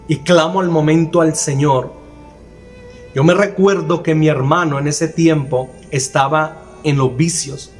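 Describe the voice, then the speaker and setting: A man preaching a sermon, earnestly telling a personal testimony and repeating phrases for emphasis. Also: a little high. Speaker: minister.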